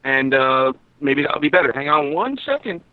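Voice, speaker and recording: A man's voice: a little high, sing-song, normal speed, dry recording. A male radio guest calling in from home over an internet line that keeps breaking up, checking his connection. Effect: internet call line that breaks up. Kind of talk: casual radio chat. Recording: tinny dry internet call line.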